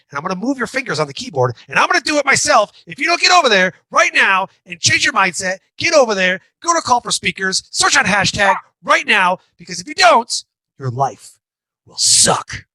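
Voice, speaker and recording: A man playing a loud, bossy drill sergeant who barks threatening orders. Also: sits high, dry recording, voice pushed up, heavily acted, low-quality recording. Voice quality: shouting, threatening.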